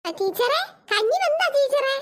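A woman's voice: very high voice, expressive, moderate pace, a bit bright. Woman doing a nagging granny. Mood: whiny. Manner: nagging, sing-song scolding. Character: fussy scolding old grandmother, always hungry.

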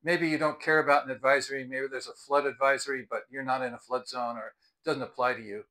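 This product review host, an American in his sixties, talks fast with a bright, forceful tone at medium pitch, barely moving his pitch. He's outdoors on a porch by the front door, giving an unscripted, conversational, emphatic pitch to camera.

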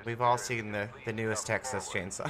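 A man streaming a horror game live, chatty and excitable, laughing often and greeting viewers by name. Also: on the low side, normal speed, a crowd in the background. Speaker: gaming streamer. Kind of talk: live-stream gameplay commentary.

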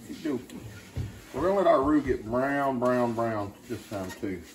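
A man with a medium-pitched, animated voice takes his time as he hosts a casual home cooking video, chatting playfully and dropping pet names. The camera is a few feet away on the counter of an indoor home kitchen, and the roomy space carries some background noise.

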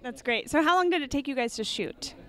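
A woman's voice: sits high, expressive, fairly quick, fairly bright tone. A woman in her twenties interviewing guests at a festival press wall, asking polite questions into a handheld mic. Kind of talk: red carpet interview.

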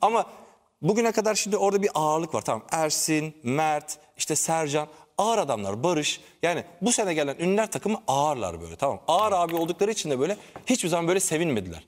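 A man's voice: fairly high pitch, sing-song, quick pace, long reverb tail. A man on a TV panel show, arguing his point insistently and explaining with examples. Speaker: TV panel commentator. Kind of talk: heated panel debate.

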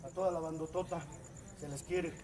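Speaking with a Mexican accent, a man gives a foul-mouthed, funny testimony to a recovery group, moving between quiet mutters and loud shouting rants. He talks briskly with little pitch movement over crowd noise.

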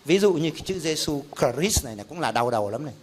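Animated pastor teaching. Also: male voice, fairly high pitch, quick pace, slightly rough. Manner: animated, explains with examples and rhetorical questions. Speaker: pastor teaching a Bible class. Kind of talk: conversational Bible teaching.

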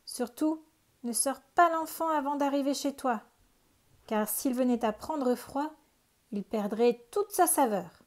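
Woman putting on a grumpy old storybook witch. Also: unhurried. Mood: cunning. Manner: grumbling, higher pitched than her narration. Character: grumpy old witch who loves no one.

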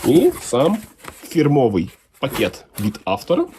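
A man's voice: mid-range voice, noisy background. A man talking casually and enthusiastically as he unboxes comics for his channel. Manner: enthusiastic, unhurried, lively intonation.

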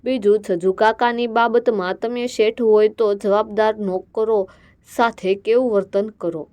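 Smooth-voiced woman teacher. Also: medium pitch, fairly even intonation, measured pace, a little mellow. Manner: reads each sentence, then states the answer word. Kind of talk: exam answer walkthrough.

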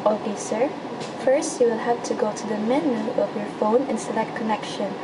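A courteous young female call center agent, acted by a woman, recites her script. The voice is slightly high and sounds away from the mic, under loud background noise. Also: fairly even intonation, normal speed, far from the mic, natural voice. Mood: courteous, instructing. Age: young adult. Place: indoor room.

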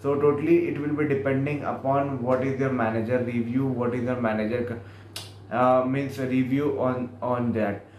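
Young Indian English man, casual career vlogger, rambles and repeats, mid-pitched voice, small echoey room with faint background hiss. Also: little pitch movement, moderate pace, darkish tone. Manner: rambling, repeats himself, mixes in Hindi phrases. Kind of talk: casual career advice monologue. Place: small office room with posters, indoors.

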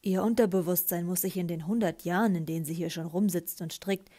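A woman's voice: fairly low pitch, fairly even intonation, brisk, mellow, natural voice. A woman voicing a young man who speaks in a soothing, hypnotic tone.

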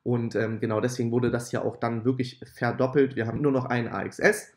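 A man's voice: medium pitch, flat delivery, brisk. A man hosting a casual gaming news video, with poor-quality audio from a makeshift microphone at his parents' home. He talks in a chatty way, with many filler sounds and apologetic asides. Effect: poor-quality audio from a makeshift mic. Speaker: gaming channel host. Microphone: not his usual microphone.

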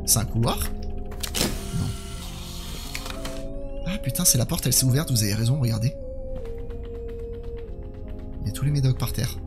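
A man's voice: mid-range voice, animated, normal speed, pauses often. A man livestreaming a horror game, chatting with his viewers as he comments. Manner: chatty, talks to his audience. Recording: music playing behind the voice. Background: game music.

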